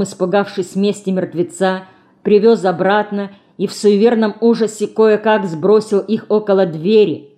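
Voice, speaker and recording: A woman narrates an audiobook with expressive, emotional storytelling. Her voice is warm and mellow, at a mid pitch. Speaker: audiobook reader. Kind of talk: scripted narration.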